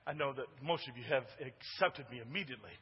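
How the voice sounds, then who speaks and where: In a church sanctuary, a man delivers a sermon as pastor, his big, husky, booming voice swinging from hushed asides to shouts as he calls on the congregation to respond. He moves at a quick pace, and the muffled recording carries a long reverb tail.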